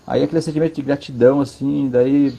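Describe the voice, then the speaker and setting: A man with a Brazilian Portuguese accent giving an earnest personal testimony from his living room, halting and repeating words for emphasis. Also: medium pitch, steady tone, creaky, dark tone. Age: adult, father of a five-year-old. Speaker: interview guest.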